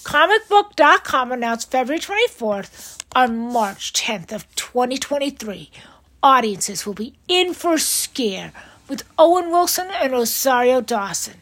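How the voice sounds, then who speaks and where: A woman's voice: high voice, big pitch swings, a little slow, fairly bright tone, low-quality recording. A woman hosting an entertainment news podcast, reading a script in an upbeat, playful way. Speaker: host.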